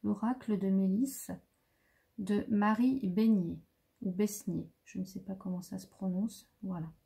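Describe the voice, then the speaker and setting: A woman's voice: medium pitch, normal speed, vocal fry, mellow. A French woman doing a casual tarot reading, hesitant and full of fillers, murmuring as she draws cards. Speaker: tarot card reader.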